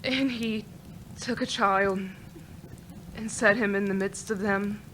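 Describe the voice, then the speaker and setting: An actress playing a gentle grieving mother in a radio drama, speaking tenderly and haltingly. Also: medium pitch, fairly even intonation, a little hiss or hum, low-quality recording. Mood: tender, wistful. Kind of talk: radio play acting.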